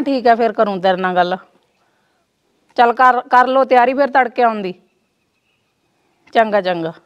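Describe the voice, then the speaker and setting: A woman playing a young daughter-in-law who speaks softly and calmly, with a Punjabi village accent. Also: on the high side, smooth, highs cut off. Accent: Punjabi village speech. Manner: soft, placating, hushing others.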